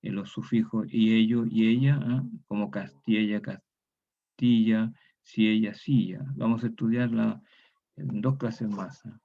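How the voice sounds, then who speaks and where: Teaching an online historical grammar class, this man speaks in a lowish, steady, warm voice that is gravelly, at a measured pace. Key words get repeated, statements are often tagged with a question, and the recording sounds dull and lo-fi.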